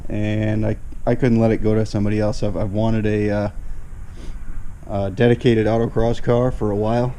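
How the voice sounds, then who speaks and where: A car channel host with a fairly low, clear, resonant voice sounds stuffy and nasal from a cold. He casually walks his vlog audience through his car in a shop, speaking in a relaxed, halting way with lots of fillers.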